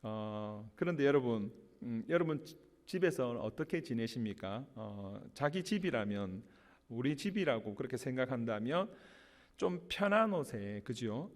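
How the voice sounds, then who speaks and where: Male pastor, mid pitch, storytelling sermon, big church hall reverb. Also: lively intonation, unhurried. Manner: storytelling with warm anecdotes and light laughs. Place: church sanctuary.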